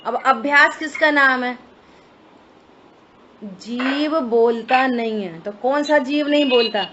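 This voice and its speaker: A woman with a fairly high voice leads a scripture study session. She explains each point patiently and keeps checking that her listeners follow. The recording is dull and lo-fi, with a faint hiss underneath. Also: slow, pushed and bright. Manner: explanatory, asks listeners rhetorical questions. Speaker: scripture teacher. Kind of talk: religious study discourse.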